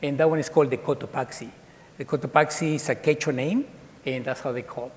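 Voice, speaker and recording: A man in his forties from Colombia, raised in Ecuador, giving a lively, chatty talk to students, with many fillers and restarts. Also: medium pitch, fast talker, a little hiss or hum. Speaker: guest speaker. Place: large dark auditorium. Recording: long hall reverb.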